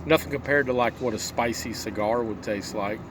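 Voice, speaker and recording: A man's voice: mid-range voice, fairly quick. Man musing between pipe puffs, noisy background. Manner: talking while puffing on a pipe; musing, asks himself rhetorical questions. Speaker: pipe tobacco reviewer. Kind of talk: casual rambling video review. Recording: clear background noise, vehicle-like ambience.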